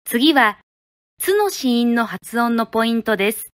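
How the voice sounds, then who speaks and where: A woman from Japan teaches pronunciation in a high, light voice, spacing her words out slowly. She models each sound carefully and deliberately. The recording is dry and close, with no room sound. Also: lively intonation, dry recording. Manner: clear, deliberate, demonstrates sounds syllable by syllable.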